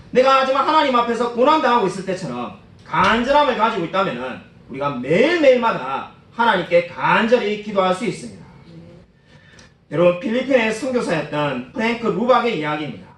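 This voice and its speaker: Lively high-voiced male pastor preaching. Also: fairly quick. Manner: earnest, addresses congregation directly. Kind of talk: sermon. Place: church sanctuary. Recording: roomy, distant church hall.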